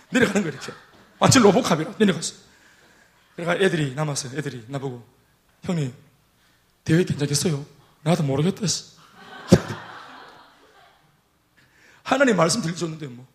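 High-voiced pastor telling a funny story. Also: male voice. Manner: lively, humorous, acts out quotes. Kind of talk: sermon storytelling. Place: church.

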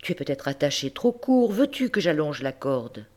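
A woman's voice: deep voice, big pitch swings, normal speed, a little mellow. A woman reading aloud, voicing a worried old farmer who exclaims anxiously at his goat.

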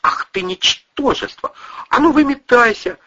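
A man's voice: high-pitched, wildly swooping pitch, moderate pace, vocal fry, bright, forceful tone, breathy edge, no echo, lo-fi sound, voice pushed up, exaggerated voice. A man reading a story, voicing a cold, furious woman who shrieks when cornered. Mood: shrieking.

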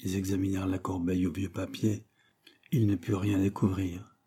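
Husky, dark-voiced male narrator. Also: low-pitched. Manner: steady, measured reading. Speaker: audiobook narrator. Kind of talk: scripted novel narration.

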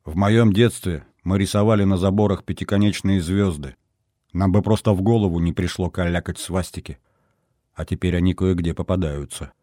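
A man reading an audiobook, voicing a composed young female counterintelligence officer who speaks in a measured, earnest way. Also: sits low, steady tone, dark tone, no echo, studio quality, close to an everyday voice.

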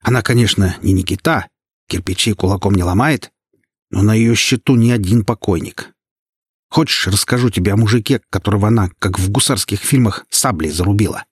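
A man's voice: fairly low pitch, brisk, slightly rough, no echo, studio quality. A man voicing a sly, sarcastic male detective who mocks and uses slang. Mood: mocking. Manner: mocking, slangy.

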